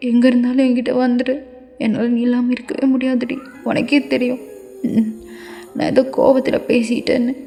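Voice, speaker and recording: A woman's voice: a little high, gravelly, dark tone. A woman voicing a remorseful, hot-tempered young husband who begs his wife tearfully in a fan-made audio story. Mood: anguished. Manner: tearful begging.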